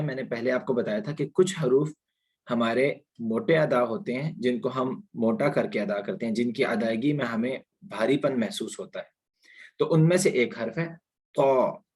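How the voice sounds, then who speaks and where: A man teaching a Quran pronunciation lesson online, patiently explaining and repeating letter sounds slowly for students to copy. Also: medium pitch, slightly rough. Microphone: online class recording.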